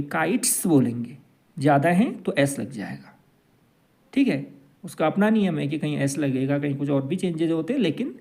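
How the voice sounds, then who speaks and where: A man's voice: a little high, darkish tone. A man teaching an English grammar lesson, drawing out each example sentence. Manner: slow, drawn-out example sentences.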